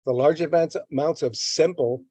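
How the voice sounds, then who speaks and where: A man's voice: on the high side, moderate pace, warm tone, no room sound. An older man giving a health lesson, reading a text aloud and breaking off into rants, stumbling and repeating words as he goes. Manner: repeats words, rants at length against a government agency. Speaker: health educator. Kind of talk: reading a text and adding comments.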